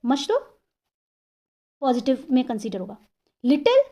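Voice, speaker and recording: A woman teacher explaining English grammar, asking herself questions and sounding out words slowly, syllable by syllable. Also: high-pitched, sing-song, warm tone. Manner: asks and answers her own questions.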